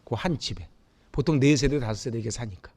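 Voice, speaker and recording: A middle-aged Korean man from Seoul preaching a Sunday sermon as pastor, talking with the congregation and swinging between loud emphatic peaks and hushed, near-whispered asides. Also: mid-range voice, lively intonation, quick pace. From Seoul, South Korea. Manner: conversational, asks the congregation questions.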